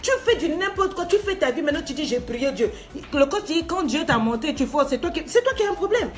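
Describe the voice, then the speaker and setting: A woman's voice: high-pitched, expressive, brisk, soft background music. A woman life coach giving a motivational talk, scolding and mocking her listener with laughs, slipping in English phrases.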